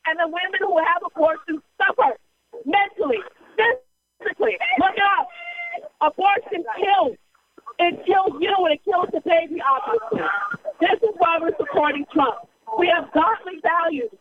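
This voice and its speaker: A woman delivers a fervent outdoor political speech in a strikingly high voice, hammering her points home and pressing her listeners with rhetorical questions. The recording sounds dull and lo-fi, with faint noise underneath. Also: moderate pace. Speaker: political street speaker.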